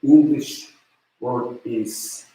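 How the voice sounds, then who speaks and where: A man with a Japanese accent giving an online university lecture in English, halting and full of fillers as he searches for words. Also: mid-range voice, steady tone, warm tone, echoey room, poor audio. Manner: hesitant, many fillers and restarts.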